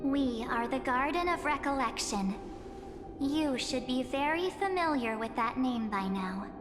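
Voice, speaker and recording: An actress voices an uncanny memory spirit in a video game who pretends to be a perky girl, teasing, breezy and persuasive with a sly mood. Her high-sitting voice has lively intonation at a measured pace. Long hall reverb and game music fill the background.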